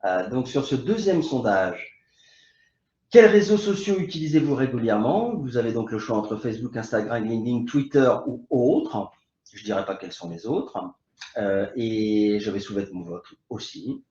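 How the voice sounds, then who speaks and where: A man hosting a professional webinar, speaking in a measured way with many hesitations. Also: medium pitch, lively intonation, mellow. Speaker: webinar host. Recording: roomy, dull lo-fi sound.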